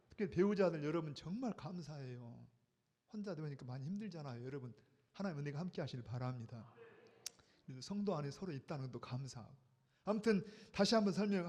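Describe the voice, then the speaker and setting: High-voiced preaching pastor in a hall. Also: male voice, darkish tone. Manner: emphatic preaching with questions to the congregation. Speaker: senior pastor. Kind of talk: sermon. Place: church sanctuary.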